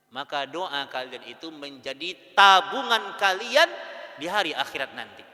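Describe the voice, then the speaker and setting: Bright-voiced male preacher in a reverberant mosque. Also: sits high. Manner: lively, swings between loud emphasis and soft asides; addresses women listeners as "Bu". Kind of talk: sermon. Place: mosque hall.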